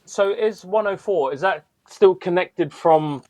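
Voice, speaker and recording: A man's voice: high voice, a little slow, darkish tone, no room sound, rough recording. A man co-hosting a podcast, chatting casually and tagging his sentences with slang. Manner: slangy, tags lines with "innit". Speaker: podcast co-host. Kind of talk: casual chat.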